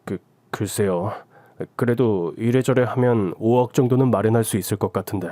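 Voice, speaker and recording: A man's voice: lowish voice, normal speed, dark tone, no room sound, close to an everyday voice. A man voicing an evasive young husband who keeps placating his wife in a radio drama. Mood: hesitant. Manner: placating, wheedling.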